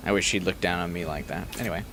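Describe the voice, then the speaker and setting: A man's voice: deep voice, fast, music in the background. A man doing casual, irreverent game commentary and reading story text aloud, with some background noise. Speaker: gameplay streamer.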